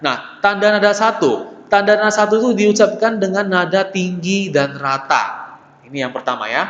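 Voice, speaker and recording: A male teacher giving a lesson on Mandarin tones. He talks patiently, repeats syllables slowly and keeps checking in with his students. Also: sits high, lively intonation, fairly bright tone. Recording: echoey, dull, lo-fi room recording with long reverb.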